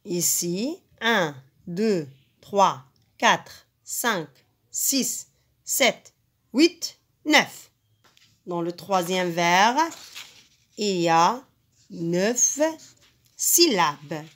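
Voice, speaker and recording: A woman teaching a lesson on rhyme and syllables in poetry, speaking slowly and deliberately and stressing each syllable as she counts. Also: fairly low pitch, lively intonation, a bit bright.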